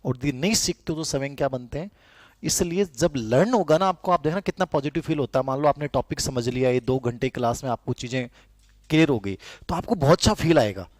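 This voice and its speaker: A man's voice: medium pitch, animated, fairly quick, no echo. A middle-aged man, teaching a lecture in a conversational way and repeating key terms so students can write them down. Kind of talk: classroom lecture with dictation.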